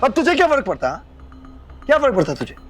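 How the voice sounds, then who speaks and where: An actor playing a defiant, hot-headed younger brother who shouts back in a raw, gravelly voice. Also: male voice, extremely high pitch, huge pitch swings, quick pace, over music, full character voice. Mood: defiant shouting.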